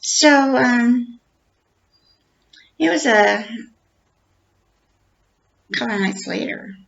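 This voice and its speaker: Gravelly-voiced woman telling her story. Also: fairly high pitch, very slow, fairly bright tone. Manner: earnest, repetitive, acts out dialogue. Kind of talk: personal account told to camera. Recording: dull lo-fi recording.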